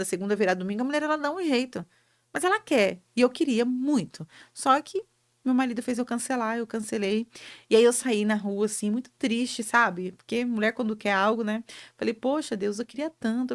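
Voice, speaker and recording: A woman with a Brazilian Portuguese accent hosting a show, telling a personal story in an animated, emotive way. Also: on the high side. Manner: animated, emotive, acts out quotes. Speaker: host.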